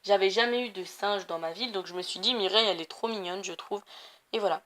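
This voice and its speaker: Quick-paced and fairly bright, this mid-range female voice belongs to a gaming YouTuber of Portuguese family background. She's young and talks casually over a video game, rambling through fillers and self-corrections as she comments on her play.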